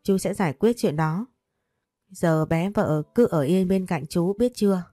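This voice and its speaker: A woman's voice: lowish voice, a little slow, dark tone, no echo, clean studio sound, soft background music. A woman voicing a doting, possessive older man who speaks tenderly but bossily to his young lover in a storybook reading. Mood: scolding tenderly. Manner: tender, teasing, bossy.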